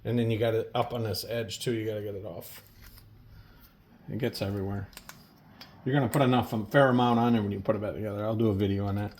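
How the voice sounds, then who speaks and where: A man's voice: fairly low pitch, fairly even intonation, fast, darkish tone. A folksy, plain-spoken man casually talking through a hands-on repair as a mechanic, with machine noise behind him. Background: air compressor and workshop tool noise.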